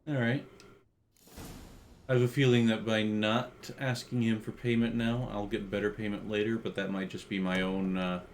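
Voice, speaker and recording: A man casually commenting while playing a video game, thinking aloud in a relaxed way. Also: lowish voice, normal speed, slight background noise. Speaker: game streamer.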